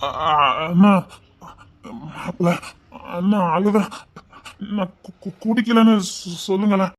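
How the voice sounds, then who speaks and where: An actor playing a tearful, remorseful brother, sobbing and stammering in a Tirunelveli Tamil accent, in a web-series family drama. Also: male voice, sits high, a little fast. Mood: grieving.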